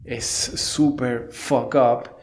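A man's voice: mid-range voice, steady tone, extremely slow. Young Venezuelan man, casual storyteller, slangy and profane, rambles with restarts.

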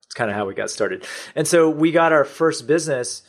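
A man's voice: a little high, animated, brisk. Middle-aged man telling his story plainly. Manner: matter-of-fact storytelling. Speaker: podcast guest, online store owner. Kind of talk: conversational interview.

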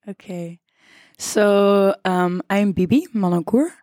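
A woman's voice: medium pitch, takes it slowly, darkish tone, dry recording, studio quality. A twenty-year-old woman, talking informally as a podcast guest. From The Hague, Netherlands. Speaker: student panel guest.

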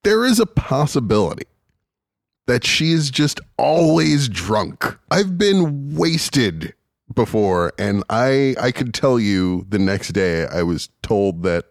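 A man co-hosting a podcast, talking in a hesitant, halting, self-mocking way. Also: medium pitch, big pitch swings, gravelly, no echo, clean studio sound. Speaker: podcast co-host. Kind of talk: casual podcast chat.

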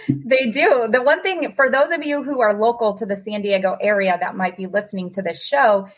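A woman's voice: a little high, moderate pace, rough recording. Upbeat woman podcast host. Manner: enthusiastic, talkative. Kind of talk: casual interview.

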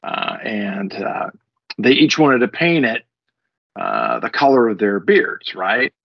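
A man's voice: medium pitch, very animated, takes it slowly, gravelly, no room sound. A middle-aged man co-hosting a morning podcast, chatting casually and rambling with fillers and restarts. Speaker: podcast co-host. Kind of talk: casual morning show chat. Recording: dull lo-fi sound.

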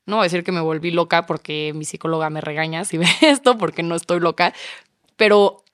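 A woman's voice: lowish voice, a little fast, no room sound, clean studio sound. A young Mexican woman in her twenties, a podcast guest telling a story in casual chat and acting out the quoted lines. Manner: animated, acts out quoted dialogue.

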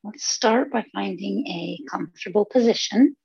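A woman leading a guided meditation in a soft, husky voice, soothing and unhurried, with pauses between phrases. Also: medium pitch, dry recording, muffled recording.

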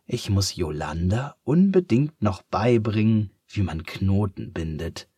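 Man doing a low, gruff old sea-captain grandmother. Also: very animated, a little slow, mellow, no room sound, studio quality, heavily acted. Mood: tender.

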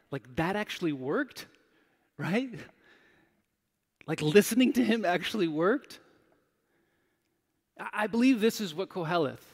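A man delivers a sermon in a candid, self-deprecating storytelling manner. His voice sits slightly high with a gravelly edge. The sound carries a long reverb, as if captured in a large hall. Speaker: pastor.

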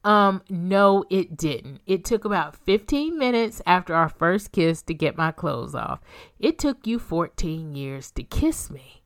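A woman's voice: fairly low pitch, very animated, unhurried. A woman voicing a young woman in a romance audiobook, hesitant and wry with her lover.

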